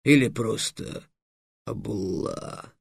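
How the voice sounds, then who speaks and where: A man voicing a gloomy, grumbling old male dragon who talks low and slow. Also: vocal fry, slightly rough, no echo, heavily acted.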